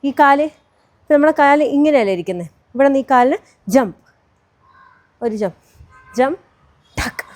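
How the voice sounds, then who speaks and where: A woman teaching a dance step by step, counting beats aloud and singing song lines slowly as cues. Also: sits high, expressive, darkish tone.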